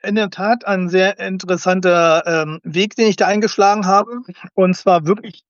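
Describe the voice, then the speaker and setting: A man's voice: sits high, fairly even intonation, moderate pace, clean tone, no room sound. A man who grew up in Germany, a special-needs educator as podcast guest, explaining at length with frequent hesitations. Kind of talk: conversational interview. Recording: slightly dull, dry sound.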